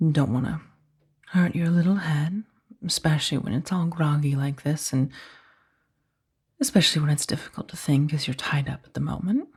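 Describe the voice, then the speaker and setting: In a soft-spoken ASMR roleplay, a woman plays a powerful, condescending mafia boss in full character voice. She taunts with mock sweetness in a deep, breathy, husky voice that dips toward whispers.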